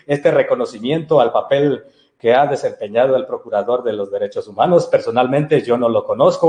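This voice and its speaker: A man being interviewed about his work as a journalist. He speaks with earnest conviction in a mellow, dark voice, and the sound comes through a roomy, echoey remote call. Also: medium pitch. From Guatemala. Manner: earnest, impassioned testimony. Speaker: journalist guest. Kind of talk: interview answer.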